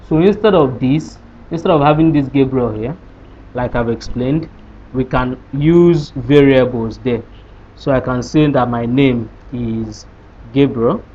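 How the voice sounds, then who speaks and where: A programming tutor walks through code step by step in a screen-recorded lesson, posing rhetorical questions and then answering them. His voice is average in pitch with a darkish tone, and the dull, lo-fi recording carries a faint hiss.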